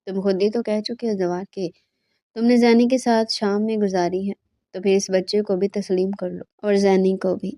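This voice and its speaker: A furious middle-aged mother, played by a woman reading the story accuses and berates her daughter. The voice stays mellow and unforced. The recording is dry and close. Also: mid-range voice, little pitch movement, dry recording, lightly acted. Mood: scolding. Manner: scolding, accusing.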